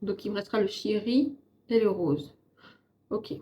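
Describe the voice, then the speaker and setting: A French woman with a mid-range, warm voice speaks at an unhurried pace. She's a beauty vlogger doing a casual review of makeup and perfume, chatting and rambling and frequently correcting herself.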